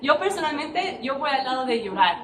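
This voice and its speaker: A woman's voice: sits high, sing-song, a little fast, a bit bright. A young woman giving an informal, emotional sermon at a women's church gathering, chatty and full of tag questions. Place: church hall. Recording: echoey church hall, distant mic, background noise.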